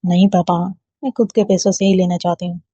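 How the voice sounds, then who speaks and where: A woman's voice: lowish voice, little pitch movement, mellow, no room sound, natural voice. A woman reading a storybook voicing a proud young college woman who gets defensive easily. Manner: defensive, quick to bristle. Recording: dull lo-fi dry recording.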